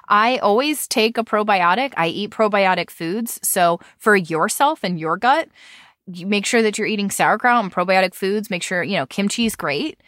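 A woman's voice: medium pitch, a bit bright, no echo, clean studio sound. A woman co-hosting a podcast, giving casual advice in a reassuring, emphatic way and repeating key phrases. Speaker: podcast co-host reading listener questions and giving advice.

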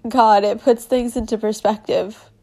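A young woman speaking in an emotional personal monologue, halting with many fillers and laughing through tears. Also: on the high side, fairly even intonation, warm tone, faint music behind.

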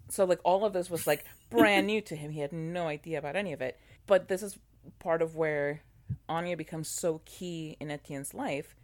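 Deep-voiced woman, talkative co-host, lots of restarts and fillers. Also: moderate pace. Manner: animated, many fillers and restarts. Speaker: podcast co-host. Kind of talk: casual chat about a TV show.

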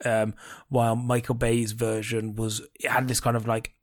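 A man in casual chat as a podcast co-host, talking fast and laughing often. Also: medium pitch, little pitch movement, no room sound, clean studio sound.

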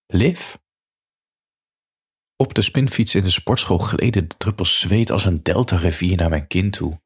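A man's voice: sits low, moderate pace, slightly rough. A man narrating a first-person story in a dry, matter-of-fact way.

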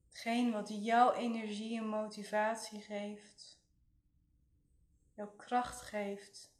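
A woman leading a guided relaxation meditation in a soothing, gentle way, leaving long pauses. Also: medium pitch, little pitch movement. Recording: roomy, echoing voice recording.

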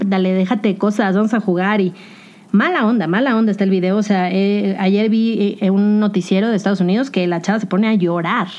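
A young woman with a Mexican accent hosting a podcast, telling a personal story in a casual, animated confessional monologue. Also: medium pitch, highs cut off. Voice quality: chatty, animated storytelling with English slang. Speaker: podcast host.

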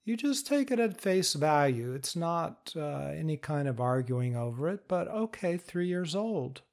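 A man giving a patient, step-by-step instructional talk, explaining calmly. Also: on the high side, measured pace, creaky. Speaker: teacher of inner-parts work.

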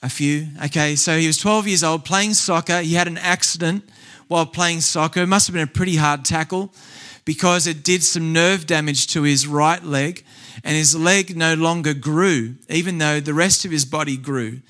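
Bright-voiced male preacher telling a story. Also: fairly high pitch, normal speed. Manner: uses fillers and restarts. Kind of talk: sermon storytelling.

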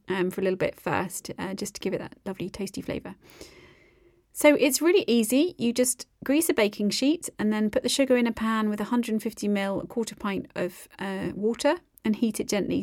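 Woman, podcast host, chatty, frequent ums, mid pitch, dry close recording. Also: darkish tone, no echo. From United Kingdom. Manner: friendly, chatty, with frequent um and uh fillers. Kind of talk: casual podcast talk with recipe instructions.

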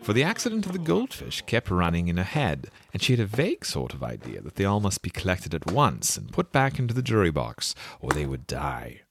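A man narrating a storybook with expressive, theatrical storytelling. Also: low-pitched, a little fast, vocal fry, hardly any pauses, slight background noise. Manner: expressive storytelling, wide swings. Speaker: audiobook narrator. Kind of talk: scripted narration.

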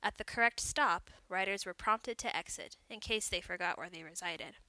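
A woman narrating a short story in a clear, measured storytelling manner. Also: fairly low pitch, pushed and bright, dry recording.

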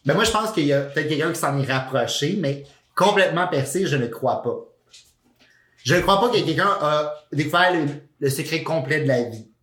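A Québécois man talks casually on a podcast, his voice sitting a little high for a man. He muses out loud, curious and loose, with plenty of fillers. The room around him rings with echo. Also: animated, brisk. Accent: Québécois French. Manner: curious, thinking aloud with many fillers. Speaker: podcast co-host. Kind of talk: casual chat.

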